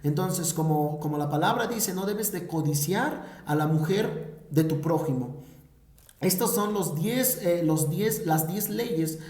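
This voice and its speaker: A man's voice: a little high, expressive, measured pace, a little mellow. A Mexican man teaching a Bible lesson in an earnest preaching manner, often repeating words as he searches for the next phrase. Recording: echoey room.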